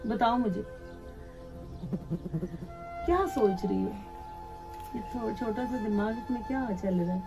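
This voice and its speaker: A woman hosting an emotional charity vlog, speaking gently and coaxingly as she talks to camera and to young children. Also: a little high, slow, pauses often. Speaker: charity vlogger. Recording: music playing underneath.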